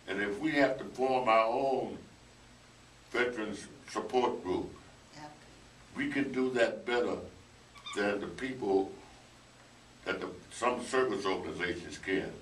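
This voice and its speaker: A man with a lowish voice makes a sincere appeal to fellow veterans during a studio roundtable. He sounds distant and roomy, with faint hiss behind him. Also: fairly bright tone. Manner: earnest, appealing directly to listeners. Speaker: veteran panelist. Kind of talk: radio roundtable talk. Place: small radio studio. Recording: roomy, distant camera audio with faint noise.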